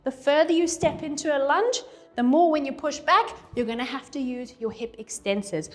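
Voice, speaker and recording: A woman leads a workout class and does the moves herself, so she sounds a little out of breath. Her voice sits high, and she counts the reps aloud as she coaches. Faint music plays behind her. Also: normal speed. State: slightly out of breath. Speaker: fitness instructor. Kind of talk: workout instruction.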